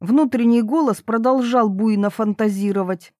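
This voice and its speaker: A woman's voice: a little high, normal speed, no echo, studio quality. Woman reading an audiobook with wry liveliness. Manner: wry, lively first-person storytelling. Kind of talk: audiobook narration.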